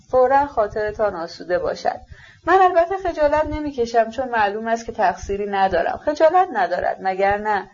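A woman reading the lines of an earnest, sensitive young prince in a fervent, halting, self-reproaching way. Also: mid-range voice, a little mellow, muffled recording.

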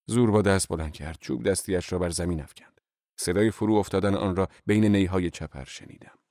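A man with a very deep voice reads a novel aloud at a measured, even pace. The sound is dry and close, with no room around it. He tells the story plainly and keeps his delivery steady. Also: dry recording. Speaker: narrator. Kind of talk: audiobook narration.

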